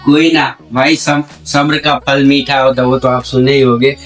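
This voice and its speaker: A man's voice: medium pitch, little pitch movement, moderate pace. Man casually co-hosting a vlog over music. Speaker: co-host of a prank call vlog. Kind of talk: casual vlog talk to viewers.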